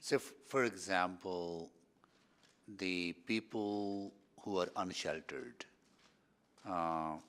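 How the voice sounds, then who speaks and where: Brief: man, councillor, very low voice, halting, searching for words. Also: a bit bright. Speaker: city councillor. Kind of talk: council meeting questioning. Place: council meeting room.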